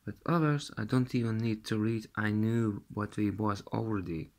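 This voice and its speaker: Retelling a dream for his vlog, a Lithuanian man in his thirties speaks English with a Russian accent into a phone camera held close in a small room. His fairly low voice stays fairly even in intonation as he goes slowly, halting and repeating words while he hunts for them.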